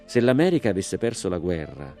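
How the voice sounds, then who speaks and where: A man's voice: low-pitched, sing-song, a little fast, darkish tone, faint music behind. A man giving a dramatic audiobook reading, impassioned when he speaks his own lines in the argument. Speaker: reader.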